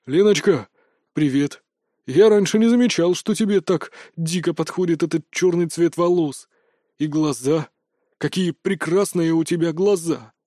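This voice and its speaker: A man's voice: on the high side, a little slow, dark tone, dry recording, clean studio sound. Man doing a swooning lovestruck big guy. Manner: sing-song, swooning. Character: burly lovestruck young man, dreamy and blissful.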